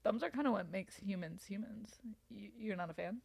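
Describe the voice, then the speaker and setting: A young woman co-hosting a podcast in casual chat, playful and quick to laugh, dropping into soft asides, her throat a little rough. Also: mid-range voice, no echo. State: slightly throaty, clearing throat. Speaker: podcast co-host.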